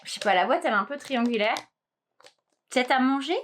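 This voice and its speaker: A woman vlogging casually about knitting gifts, gushing and exclaiming, often trailing off into soft murmurs. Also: sits high, lively intonation, fairly quick, slight background noise. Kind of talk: casual unboxing chat.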